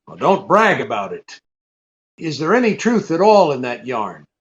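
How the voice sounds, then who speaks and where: A man's voice: on the high side, big pitch swings, moderate pace, a bit bright, slightly rough, heavily acted. A man playing a cynical, wisecracking hard-boiled detective in a radio drama, brusque and sardonic. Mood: dry, sardonic. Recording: dull, muffled radio recording.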